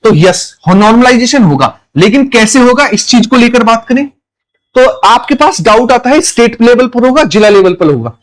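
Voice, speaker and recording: A man's voice: extremely high pitch, animated, moderate pace. A man teaching an exam-prep lecture, emphatic, repeating key points and answering his own questions. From India.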